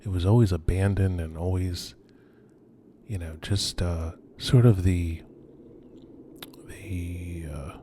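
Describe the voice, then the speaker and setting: Walking around abandoned row houses at night, a video host and urban explorer narrates an unscripted tour in a low, dark, unhurried voice. He muses quietly and hesitantly, phrases trailing off, over a noisy ambient location recording.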